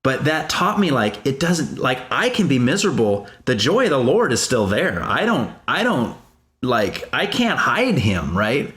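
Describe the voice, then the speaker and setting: A man's voice: medium pitch, a little slow. A man hosting a podcast, talking in a casual conversation and telling a personal story with growing animation. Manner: animated storytelling, voice rising when excited.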